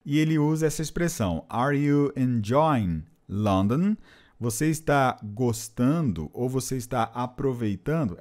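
A man's voice: medium pitch, darkish tone. A man teaching an English lesson, patiently repeating and translating phrases. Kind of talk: explanatory language lesson.

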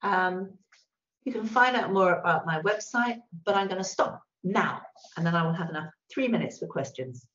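A woman giving an animated webinar presentation as a video call. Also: lowish voice, moderate pace. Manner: animated, acts out little voices. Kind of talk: presentation talk. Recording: echoey, dull lo-fi sound.

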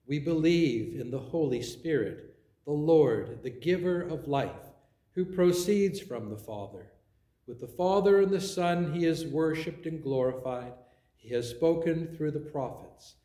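A man leading a worship service as priest, reciting prayers in a measured, solemn way, with his voice ringing in an echoing church. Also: on the high side, animated, warm tone. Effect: echoing church reverb. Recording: roomy echoing church sound.

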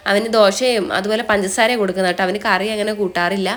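Nasal young woman with a cold, fast chatty. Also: medium pitch, steady tone. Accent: Malayali. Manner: chatty, often ends phrases with a soft tag word. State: blocked nose from a cold. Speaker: vlogger. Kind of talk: casual voice-over narration.

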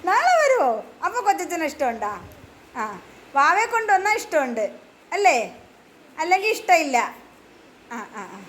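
A woman working as a preschool teacher who talks with small children in a sing-song way, asking them questions and gently scolding them. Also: extremely high pitch, sing-song, normal speed, long pauses, a little hiss or hum. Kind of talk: coaxing talk with small children. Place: preschool classroom.

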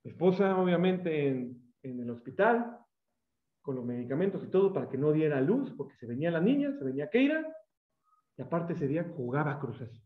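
A man with a Mexican accent preaching a sermon as a lively storyteller, acting out the voices he quotes. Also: fairly high pitch, fairly quick. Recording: echoey, dull room sound.

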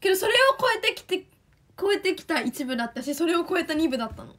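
A young woman with a Kansai accent, chatting excitedly on a livestream as an idol, reading fan comments. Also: extremely high pitch. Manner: chatty, excitable, quick bursts of enthusiasm.

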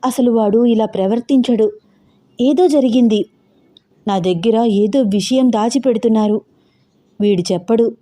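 A woman voicing an emotional, fiery young bride who fires off rapid, agitated questions. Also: on the high side, warm tone, natural voice. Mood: upset.

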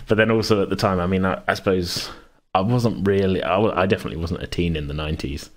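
A British podcast host and game master in his thirties talks fast in a low, fairly even voice. Hosting a casual chat, he rambles, hedges, and keeps interrupting himself mid-thought.

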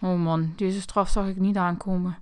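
A woman voicing a curious, mischievous young boy in a toy figure play video, excitable and whining. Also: fairly low pitch, normal speed, heavy background noise, natural voice.

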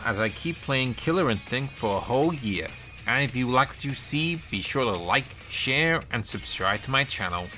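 A man's voice: mid-range voice, expressive, normal speed, pushed and bright. A man casually commentating on a fighting game he is playing, self-deprecating and exclaiming in surprise at each moment. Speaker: gaming channel host. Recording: game music playing behind.

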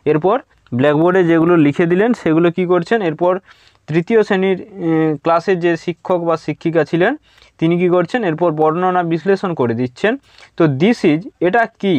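A man teaching an exam-prep lesson. He reads English questions slowly and explains them in Bengali, often filling with "thik ache.". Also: high-pitched, no room sound. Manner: repeats "thik ache" as a filler. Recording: dull lo-fi dry close mic.

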